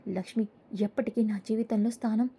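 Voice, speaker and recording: A woman's voice: on the high side, fairly even intonation, fairly quick, warm tone, husky. A woman reading the lines of a bitter, stubborn young husband while recapping a serial episode.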